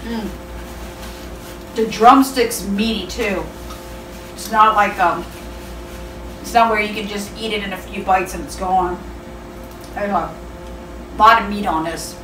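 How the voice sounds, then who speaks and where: A woman talks slowly through a mouthful of food, her words chewed and unhurried. She sounds far from the mic in an echoey room. Dishes and cutlery clatter loudly around her. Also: medium pitch, steady tone, noisy background. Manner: chatty, talking while chewing. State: mouth full. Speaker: vlog co-host. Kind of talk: casual taste-test chat. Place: home dining table. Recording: roomy, distant mic with dish clatter.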